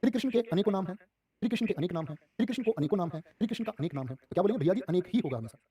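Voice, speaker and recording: A male teacher leading a live online exam-prep class, quizzing students with quick repeated questions and addressing them as dear children. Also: high voice, expressive, warm tone, recorded from a distance.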